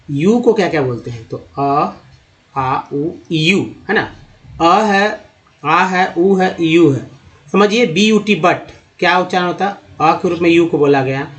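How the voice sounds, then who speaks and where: A man teaching English pronunciation, sounding out words slowly and explaining each vowel sound. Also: fairly high pitch. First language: Hindi. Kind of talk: spoken pronunciation lesson.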